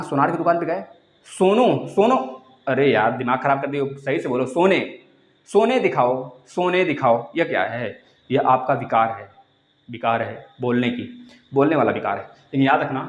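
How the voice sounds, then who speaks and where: A man teaching a live online class. He repeats words over and over, dictates slowly and drops in jokey asides. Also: medium pitch, echoey room. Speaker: Hindi teacher for exam preparation.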